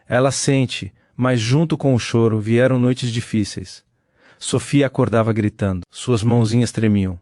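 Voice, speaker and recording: A man giving a scripted dramatic narration in a measured, solemn storytelling manner. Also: medium pitch, warm tone, no echo, clean studio sound.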